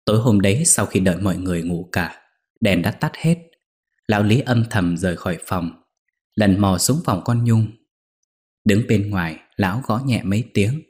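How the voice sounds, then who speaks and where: A man narrating a scripted ghost story in a steady, even storytelling manner. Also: lowish voice, normal speed.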